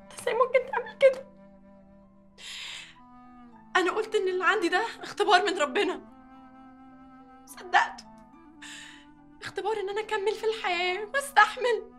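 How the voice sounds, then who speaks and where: A woman's voice: extremely high pitch, quick pace, long pauses, fairly bright tone, faint music behind. An actress playing a distraught young woman in a TV drama, speaking Egyptian Arabic with bitter, tearful emotion. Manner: pleading then bitter, emotional. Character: anxious young woman, patient, Nagla. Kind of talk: TV drama acting.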